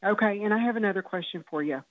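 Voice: medium pitch, rapid-fire, no room sound. A caller to a radio advice show asks plain questions in a matter-of-fact way. The voice is dry and close. It comes through a tinny phone line. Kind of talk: phone-in call.

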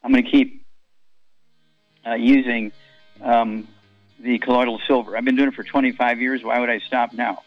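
A man's voice: mid-range voice, steady tone, moderate pace, pauses often, no room sound. A man in his eighties hosting a call-in health radio show, giving rambling, folksy product advice. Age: 80s. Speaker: radio talk show host. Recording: dull lo-fi radio broadcast with faint music.

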